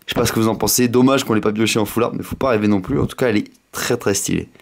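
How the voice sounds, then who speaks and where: A man with a slight lisp hosting a casual unboxing, chatting in an excitable way. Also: fairly low pitch, very fast, vocal fry. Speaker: host of a card pack opening video.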